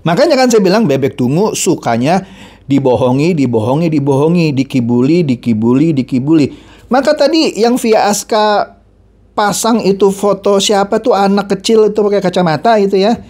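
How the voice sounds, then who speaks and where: Middle-aged male commentator, sarcastic and mocking, high-ish voice that swings widely; ranting video host. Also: expressive, moderate pace, a little mellow. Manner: mocking, sarcastic, repetitive insults.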